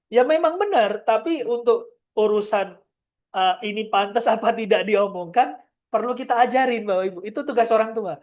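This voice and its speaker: Her voice is on the high side and a little mellow, moving at a normal pace, as she gives a parenting seminar lecture. Firm and direct, this trainer frequently addresses the parents in the room and plays out short scenes between parent and child.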